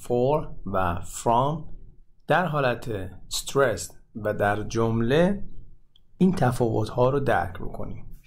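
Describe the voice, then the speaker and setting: A man teaching English, explaining pronunciation rules and mixing English terms with his own explanations. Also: mid-range voice. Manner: switches between English terms and Persian explanations.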